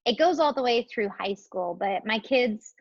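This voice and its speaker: A woman's voice: on the high side, expressive, moderate pace, gravelly, no room sound. A woman pastor hosting a casual panel discussion, explaining things in a chatty way with many fillers. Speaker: pastor and host. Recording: dull lo-fi, dry sound.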